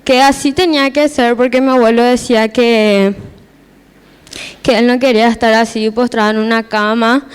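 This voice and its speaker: A woman's voice: fairly high pitch, fairly even intonation, normal speed, clean tone. A teenage girl giving a personal church testimony, hesitant and repeating her words as she restarts.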